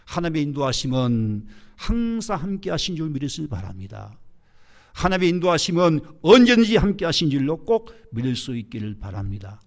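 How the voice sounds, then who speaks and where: Male pastor, church sermon, emphatic, rising and falling delivery, slightly high. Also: sing-song, brisk. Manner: emphatic, rhetorical questions to the congregation. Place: church sanctuary.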